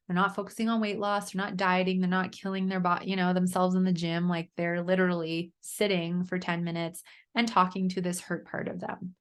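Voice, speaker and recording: A woman hosting a solo self-help podcast, talking earnestly and chattily, often adding "right?". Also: lowish voice. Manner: chatty, earnest, frequent "right?" tag questions. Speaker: podcast host and coach.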